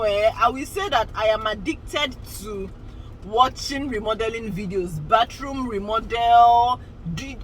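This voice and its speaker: The rough recording carries a little hiss or hum under a fairly high, pushed, bright female voice. She's a vlogger in her forties, laughing often as she rambles in casual chat to camera.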